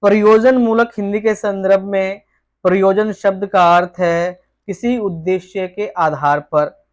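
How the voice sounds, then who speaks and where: A woman's voice: medium pitch, fairly even intonation, a little slow, a little mellow. Woman tutor reading out exam answers. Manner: poses each question aloud, then reads out a formal, textbook-style answer. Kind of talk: exam-prep lesson.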